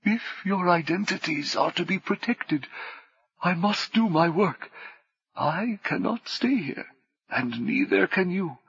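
A grave old guardian with a gravelly, deeply husky voice, as a male audiobook narrator puts him on. He speaks in formal, measured sentences. The recording is dull and dry. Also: expressive, a bit bright, no room sound, exaggerated voice.

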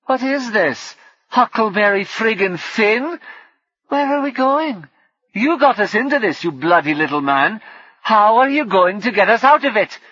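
A man's voice: sits high, very animated, unhurried, bright, forceful tone, husky, no room sound, voice pushed up, heavily acted. A man doing Sweet William, a sneering dandy. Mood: scornful. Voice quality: mocking, scornful. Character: sneering, theatrical young man. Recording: dull dry studio recording.

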